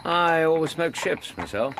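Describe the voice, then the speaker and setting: A man acts a good-natured English doctor in a radio drama. He is polite and a little wry, with a lively rise and fall in his voice. There is faint background noise. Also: fairly high pitch, moderate pace, natural voice.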